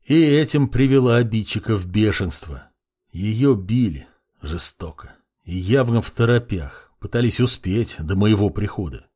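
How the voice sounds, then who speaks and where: A man narrating a dark first-person audiobook in a tense, brooding delivery. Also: fairly low pitch, animated, normal speed, slightly rough.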